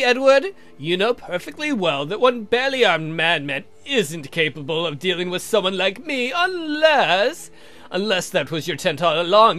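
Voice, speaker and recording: A man with a medium-pitched, sharp-toned voice plays a sardonic, theatrical vampire count in a visual novel game. He mocks in a campy, drawn-out way.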